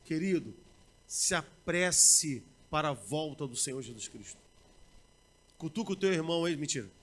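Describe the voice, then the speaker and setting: A Brazilian man preaching a sermon, swinging between loud bursts and low murmurs, and acting out everyday quotes in conversational asides. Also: expressive, normal speed.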